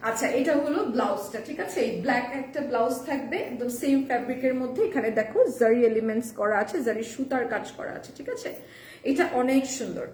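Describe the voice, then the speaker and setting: A hoarse woman hosting a live selling stream, chatting casually and mixing in English phrases, heard in an echoey room with the mic at a distance. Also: fairly high pitch, quick pace, a little mellow, a little hiss or hum. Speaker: live-sale host.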